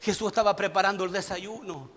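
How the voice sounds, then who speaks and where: A male pastor preaches in a very high voice, pressing his points with emphasis and repetition. He stumbles over words now and then. A long reverb from the church hall rings behind him. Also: brisk, fairly bright tone. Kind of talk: sermon.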